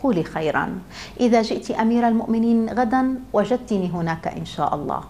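A woman storyteller voicing a pious, humble male caliph of old, speaking gently and earnestly inside her narration. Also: a little high, animated, quick pace, voice pushed up.

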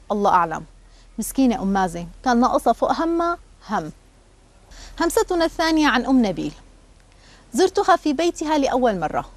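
A woman narrating scripted stories for a radio program in a storytelling manner. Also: a little high. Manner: storytelling, measured.

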